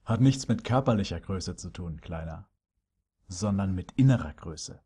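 A self-assured, easygoing teenage hero, as a man plays him in an amateur audio drama. The voice is low and dark, with a husky edge. He talks in a calm, laid-back way. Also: normal speed. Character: confident, relaxed teenage boy, protective rescuer.

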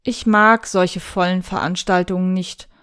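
A woman reading a storybook, voicing a quiet, tired young apothecary who speaks softly and slowly. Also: on the low side, fairly even intonation, clean tone, dry recording, clean studio sound, pitched below the performer's own voice. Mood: weary. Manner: soft, slow, weary.

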